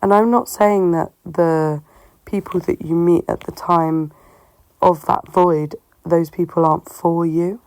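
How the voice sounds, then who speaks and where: A woman talking casually and reflectively to her listeners, musing in a halting way, her voice affected by a sore throat. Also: on the low side, fairly even intonation, darkish tone, no room sound, poor audio. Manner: halting, musing, self-questioning. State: sore-throated, unwell-sounding voice. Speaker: solo host of a personal talk show.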